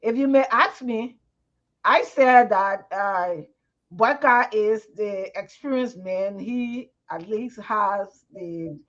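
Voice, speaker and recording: A Liberian woman with a Liberian English accent and a medium-pitched voice speaks slowly as a panelist in a live TV discussion. She talks earnestly, often repeating words while searching for them. The broadcast audio is muffled and lo-fi.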